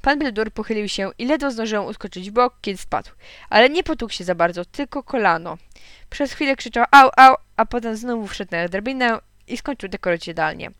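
A woman narrating a children's storybook in a lively, expressive way. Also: medium pitch, brisk, dry recording, clean studio sound. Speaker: audiobook narrator. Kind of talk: storybook reading.

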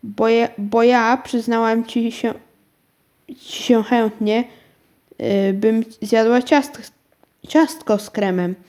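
A woman's voice: a little high, darkish tone. Woman doing a dreamy, forgetful old aunt. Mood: dreamy, hospitable. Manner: slow, dreamy and coaxing.

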